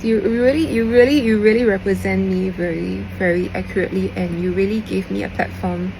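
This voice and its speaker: Young woman, Singaporean accent, creaky voice, casual rambling voice message, emphatic repetition, some Mandarin code-switching, noisy background. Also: steady tone, a little fast. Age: young adult. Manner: emphatic, repeats phrases, Singlish particles, switches into Mandarin. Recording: noisy, vehicle-like background rumble.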